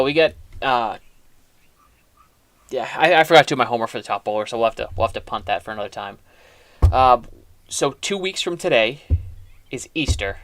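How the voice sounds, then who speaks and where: A man's voice: medium pitch, fairly bright tone, dry recording. A man hosting a casual chat, talking in a chatty, rambling way with frequent restarts. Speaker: host.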